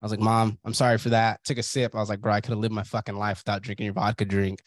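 A man's voice: on the low side, flat delivery, very fast, dry recording. A young man hosting a podcast, telling stories in casual chat and swearing often. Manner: profane, storytelling, swears often. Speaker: podcast host.

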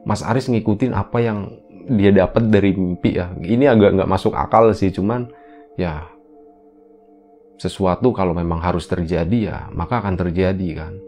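A man's voice: low voice, normal speed, darkish tone, soft background music. A man hosting a horror podcast, telling a story in casual slang full of fillers.

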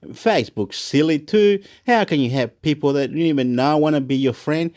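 A man from Chile rants to his camera, repeating himself and swearing as he works himself up. His voice sits a little high for a man. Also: a little fast, darkish tone. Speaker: YouTube vlogger. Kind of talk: rambling angry rant.

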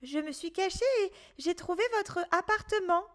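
A woman voicing a frightened young boy in a children's story, speaking high and childlike. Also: moderate pace, a bit bright. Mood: timid. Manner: childlike, fearful. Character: scared little boy, timid then relieved.

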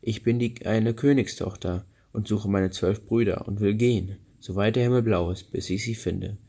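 A man voicing a brave young princess in a fairy tale he reads aloud, keeping his own plain, even tone. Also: lowish voice, moderate pace, creaky, breathy edge. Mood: earnest.

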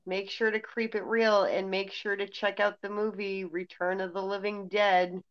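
A woman's voice: mid-range voice, little pitch movement, normal speed, clean tone. A woman co-hosting a horror movie podcast, casual and sarcastic, teasing her co-host and swearing freely. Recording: dull lo-fi sound.

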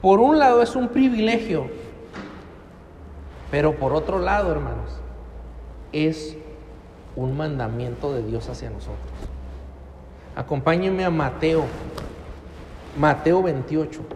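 A man's voice: on the high side, expressive, unhurried, long pauses, a little mellow, slight background noise. A middle-aged man with a Mexican accent preaching a sermon in a church hall, emphatic and full of rhetorical questions. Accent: Mexican Spanish. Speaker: pastor. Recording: long church hall reverb.

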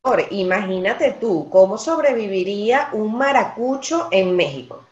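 A woman co-hosting a podcast over a video call, excitable and teasing. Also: medium pitch, normal speed. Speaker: podcast co-host. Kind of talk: casual podcast chat. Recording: roomy, dull video-call audio.

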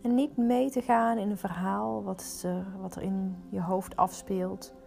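A woman leading a guided meditation, giving soothing, unhurried instructions with pauses. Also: medium pitch, steady tone, vocal fry, mellow, faint music behind.

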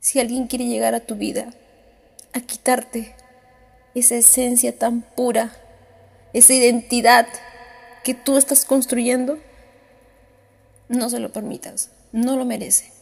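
A woman's voice: on the high side, flat delivery, slow pace, gravelly, pauses often, darkish tone, breathy edge. A woman podcast host, crying as she speaks, giving a heartfelt motivational monologue with repeated self-affirming phrases. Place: on the way home.

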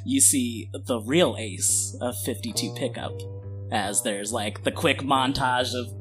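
A man runs a tabletop game, setting scenes in a slow, halting style. His pitch is medium, and guitar music sits clearly behind him. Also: fairly even intonation, poor audio. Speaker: game master. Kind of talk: improvised tabletop game narration.

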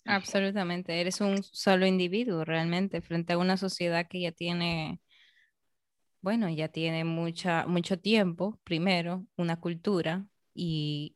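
A woman's voice: lowish voice, no room sound, clean studio sound. A woman from Peru hosting a casual interview, thoughtful and agreeable. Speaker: interviewer, host.

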